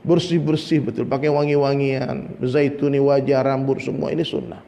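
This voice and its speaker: A man from Indonesia's region, giving a lively, humorous sermon to an audience. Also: medium pitch, moderate pace, vocal fry. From Minangkabau, Indonesia. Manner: lively, humorous preaching, often addressing listeners. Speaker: preacher. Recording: long reverb, faint ambience.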